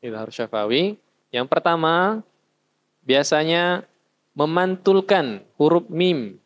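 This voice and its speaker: A man's voice: on the high side, animated, slow pace, dull audio. A man teaching a class how to recite, explaining patiently and chanting short verses as examples. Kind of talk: recitation lesson. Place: mosque.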